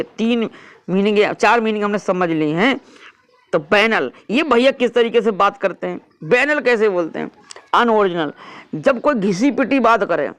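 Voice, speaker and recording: A man teaching a vocabulary lesson, repeating key words and reading English examples slowly and carefully. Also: sits high, fairly bright tone, clear, resonant tone, dry recording.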